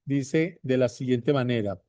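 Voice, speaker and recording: A man teaching a Bible lesson to viewers, repeating his points slowly and speaking to them directly. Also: medium pitch, mellow, dry recording, studio quality. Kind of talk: slow deliberate bible teaching.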